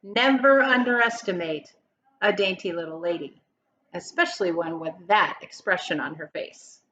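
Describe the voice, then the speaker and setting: A woman with a lowish, somewhat bright voice reads a children's picture book aloud at a normal speed. She reads like a teacher, dramatic and emphatic, and poses questions to her listeners; the audio is dull with a bit of background noise.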